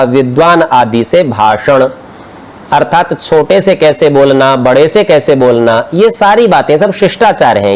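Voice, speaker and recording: Man, scripture teacher, slightly high voice, patient, explains word by word. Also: clean tone. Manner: explains slowly, term by term, with examples. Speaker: religious teacher. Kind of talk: scripture study lecture. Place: outdoor courtyard class.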